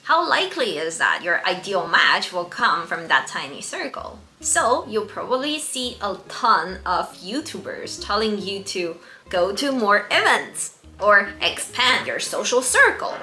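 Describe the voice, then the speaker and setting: A woman's voice: medium pitch, big pitch swings, measured pace, pushed and bright. A young adult woman presenting a scripted advice video as host, speaking confidently and directly to the viewer.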